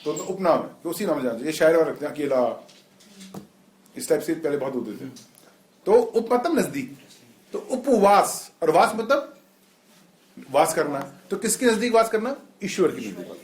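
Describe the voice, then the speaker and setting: A man's voice: on the high side, sing-song, moderate pace, long pauses. A middle-aged man teaching a class informally, explaining terms and asking the students questions. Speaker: spiritual teacher. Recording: echoey room.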